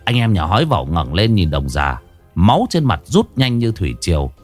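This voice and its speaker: A man's voice: sits low, big pitch swings, moderate pace, soft background music. A man narrating a comic village story in a vivid storytelling manner.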